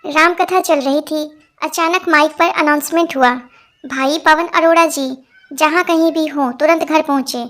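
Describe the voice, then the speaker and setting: A woman reading a string of short jokes aloud as scripted narration, giving every part in one even voice. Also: sits high, a little slow.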